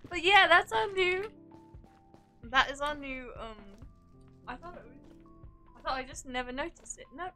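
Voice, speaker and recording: A woman's voice: sits high, normal speed, pauses often, sharp tone, faint music behind. A young woman livestreaming in a casual chat, playfully teasing her viewers and giggling often.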